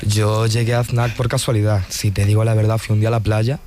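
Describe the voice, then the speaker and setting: A man's voice: on the low side, little pitch movement, fairly quick, a little mellow. A man who is a poet and journalist, a guest in a radio studio, telling stories fluently and with enthusiasm. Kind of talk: radio interview.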